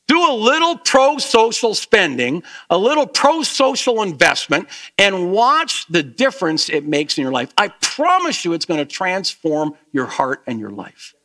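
A man preaching to his church, his voice swinging widely in pitch as he urges giving. His tone is bright and forceful, and he later settles into a quieter prayer. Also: a little slow, hardly any pauses. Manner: lively preaching that drops to a soft prayer. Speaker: pastor. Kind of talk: sermon and closing prayer. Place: church sanctuary.

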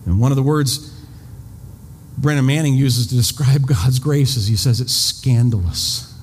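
A man's voice: mid-range voice, a little slow, darkish tone. Man in his fifties preaching in a reverberant hall. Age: 50s. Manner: conversational, repeats words, self-deprecating asides. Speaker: pastor. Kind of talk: sermon. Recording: long reverb, faint background noise.

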